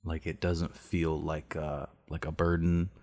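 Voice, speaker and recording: A young man co-hosting a podcast, speaking in a calm, steady and reassuring way. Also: rumbling low, unhurried. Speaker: podcast co-host. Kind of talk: casual intimate conversation.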